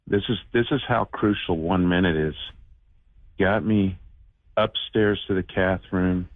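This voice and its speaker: Male caller, fifties. Fairly deep register, casual and halting delivery, narrow telephone audio. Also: steady tone, dry recording. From United States. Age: 50s. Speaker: radio show call-in guest, shoemaker. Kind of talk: casual personal storytelling. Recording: muffled band-limited phone call.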